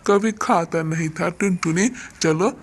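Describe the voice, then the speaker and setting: A woman's voice: lowish voice, unhurried, slightly rough. Woman voicing a friendly cartoon pigeon. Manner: warmly encouraging. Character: kind grateful male pigeon, friendly.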